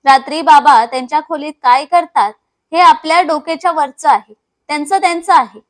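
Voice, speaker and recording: A woman's voice: high voice, a little fast, a bit bright. A woman reading aloud voices a young husband who talks in a harsh, dismissive way.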